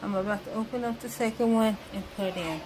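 A Southern woman with a medium-pitched, fast voice walks viewers through making dinner in her home kitchen, casually explaining each step. It's filmed on a handheld phone camera, and the kitchen recording is noisy.

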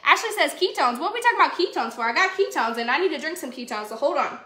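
This young adult livestream host talks fast, with big pitch swings and a sharp tone in her high voice, as she giggles and rambles to viewers during a grocery haul. The echoey home kitchen carries faint noise, recorded by a phone camera at arm's length.

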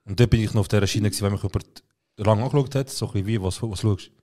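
A man co-hosting a casual podcast, telling relaxed, slangy stories with quoted exchanges. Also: lowish voice, racing. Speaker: podcast co-host. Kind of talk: casual chat, storytelling.

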